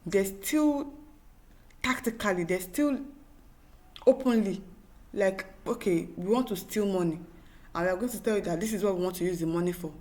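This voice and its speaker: Reading out viewer comments on her news commentary show, a woman with a Nigerian accent sounds emphatic and exasperated, leaning on repetition and rhetorical questions. She speaks at normal speed in a mid-range, slightly mellow voice, leaving long pauses.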